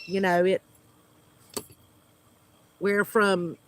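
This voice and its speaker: Speaking extremely slowly in a high, level voice, a Southern US man hosts a homesteading livestream from outdoors at home. He chats casually with viewers in a hesitant, friendly way full of fillers, and the recording is dry.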